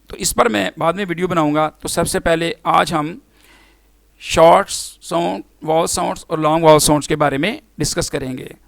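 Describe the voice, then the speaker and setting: A man teaching an English phonics lesson to students, spelling words out letter by letter and then pronouncing them slowly and formally. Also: a little high, vocal fry, dry recording. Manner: formal, addresses students directly.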